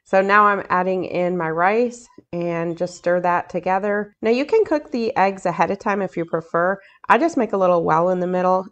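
An older woman in her home kitchen, chatting casually as she walks through each cooking step for her vlog. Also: fairly low pitch. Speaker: cooking vlogger. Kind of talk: casual cook-along narration.

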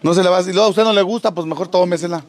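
A man's voice: high-pitched, rapid-fire, a little mellow. A man with a Mexican accent chatting and teasing an elderly man, reading out greetings from viewers. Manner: jokey, reads out viewer greetings. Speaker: vlogger visiting an elderly man. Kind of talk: casual teasing chat.

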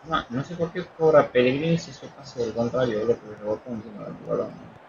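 A man's voice: medium pitch, quick pace, creaky, dull audio, noisy background. A man with an Argentine accent casually commenting on his own football management game, reacting and swearing as he plays. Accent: Argentine Spanish. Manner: reactive and swearing, with sudden excited shouts. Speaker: gaming youtuber. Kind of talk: casual live gameplay commentary.

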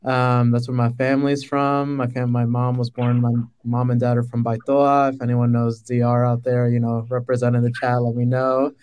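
A man's voice: medium pitch, flat delivery, normal speed, hardly any pauses, darkish tone, clear, resonant tone. Chatty man on a video call. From Dominican Republic. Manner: conversational, fillers like "right?" and "like". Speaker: product manager, panelist. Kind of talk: casual panel chat on a video call. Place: small room indoors. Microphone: laptop webcam mic on a video call.

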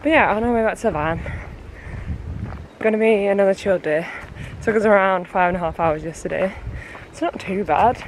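Relaxed, chatty woman vlogging outdoors. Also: medium pitch, normal speed, a little hiss or hum. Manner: relaxed, chatty, trails off with fillers. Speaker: hiking vlogger. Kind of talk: casual vlog chat. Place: outdoors on a mountain track and in a backcountry hut.

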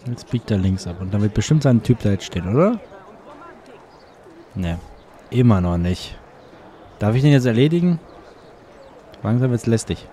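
A man's voice: fairly low pitch, lively intonation, normal speed, long pauses, warm tone, a little hiss or hum. A man commenting casually on his gameplay, chatty and sarcastic, grumbling at the game as he plays. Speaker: let's play gamer.

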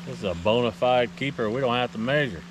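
Out on a lake in a small boat, a middle-aged American tournament angler who vlogs about fishing rattles off quick, medium-pitched chatter to his viewers. The running commentary is relaxed, folksy, and wandering. Heavy ambient noise fills the outdoor action-camera audio.

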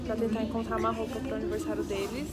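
A young Brazilian mother chats cheerfully into her handheld phone, busy with twin babies as she talks. Her voice sits a little high. Loud music plays underneath. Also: steady tone, racing. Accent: Brazilian Portuguese. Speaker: mother of twins, vlogger. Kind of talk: casual vlog chat to viewers. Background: loud background music.

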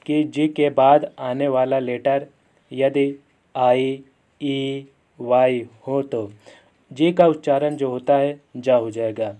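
Slow, deliberate male teacher. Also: medium pitch, darkish tone. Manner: slow, deliberate explanation with repeated examples. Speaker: English pronunciation teacher. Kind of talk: classroom lesson.

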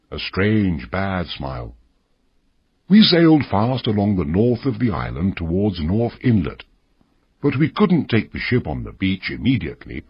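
A man reads a story for English learners in a very husky, fairly low voice. His pitch swings widely as he reads, measured and expressive. The sound is dry and slightly muffled. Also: no room sound. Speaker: narrator.

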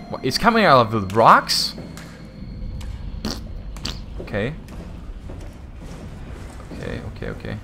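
A man hosting a let's play, giving excitable gameplay commentary with swearing and loud reactions to scares. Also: lowish voice, slight background noise.

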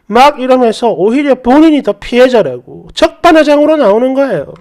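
A woman narrating a reader's story in a lively, indignant storytelling manner. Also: high voice, a little fast.

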